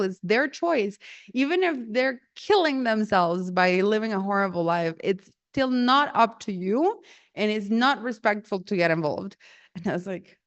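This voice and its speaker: A woman's voice: medium pitch, muffled recording. A woman telling a personal story in a casual way, laughing often and acting out the dialogue she quotes.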